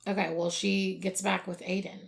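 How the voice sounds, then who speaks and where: A woman's voice: mid-range voice, level tone, normal speed, gravelly. Casting: chatty woman, podcast co-host, upbeat and talkative. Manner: chatty, enthusiastic, laughs often. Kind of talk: casual chat.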